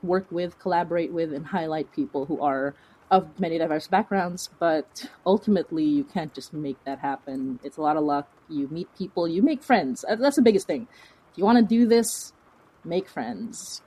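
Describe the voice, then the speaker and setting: This creator of a fiction podcast, interviewed as a guest, chats in a rambling, informal manner with plenty of self-deprecation. Her lowish voice is mellow and husky.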